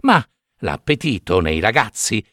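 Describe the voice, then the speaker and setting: A man reading a children's story aloud in a lively, unhurried way. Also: lowish voice, no room sound, clean studio sound.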